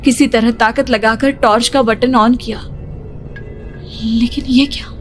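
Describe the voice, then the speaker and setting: A young woman tells a cartoon horror story in the first person, unhurried and high in pitch. Her tense, breathless telling breaks into sudden cries, over faint background music. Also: steady tone.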